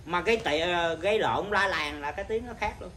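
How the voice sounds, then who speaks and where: A Buddhist monk teacher giving an informal dharma talk, blunt and scolding, with a naturally loud voice. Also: male voice, sits high, fairly quick, a little hiss or hum.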